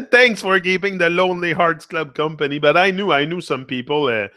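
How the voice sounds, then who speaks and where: This host's voice is on the high side, bright and forceful, at normal speed in a dry, clean studio recording. Chatting casually with livestream viewers and reading comments, the Québécois native French speaker switches between English and French mid-thought and tags phrases with "là".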